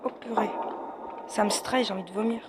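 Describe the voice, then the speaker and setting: With a high voice, a steady tone and a slightly fast delivery, a male gaming YouTuber provides let's play commentary on a horror game. He's jittery and scared, yelping and muttering to himself, and the recording carries loud background noise and hiss.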